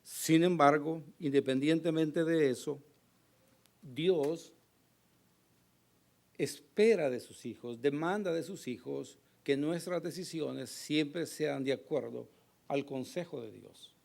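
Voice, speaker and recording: Hoarse man preaching a sermon. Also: fairly high pitch, takes it slowly, darkish tone. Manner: earnest preaching with emphatic rises and asides to the congregation. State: hoarse, recovering from lost voice. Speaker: pastor.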